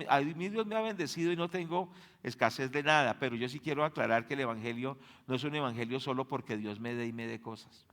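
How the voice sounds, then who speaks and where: A male pastor with a Colombian accent preaching a sermon, putting rhetorical questions to the congregation and swinging from loud to soft as he goes. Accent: Colombian Spanish. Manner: acts out quoted voices with big jumps in pitch.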